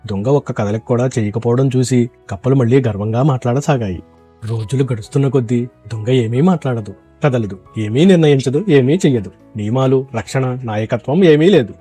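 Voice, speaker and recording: A man narrating a children's moral story in an even, measured storytelling manner. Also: medium pitch, breathy edge, soft background music.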